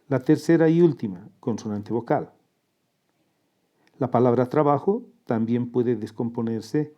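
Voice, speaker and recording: A teacher narrates a scripted lesson in a calm, measured way, going step by step through each example and breaking words into parts. His voice is very dark and mellow at an ordinary middle pitch, and the recording sounds muffled.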